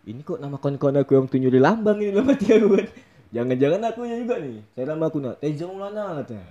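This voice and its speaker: A young man telling a story in casual chat, animated and laughing often as he acts out what people said. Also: on the high side, racing, highs cut off. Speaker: storyteller guest.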